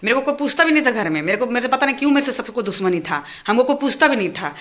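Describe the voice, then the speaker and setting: Woman, vlogger, angry rant to camera, rapid-fire delivery, bright piercing tone. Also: fairly high pitch, expressive. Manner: talks fast and heated when angry, repeats phrases. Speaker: vlogger addressing her viewers.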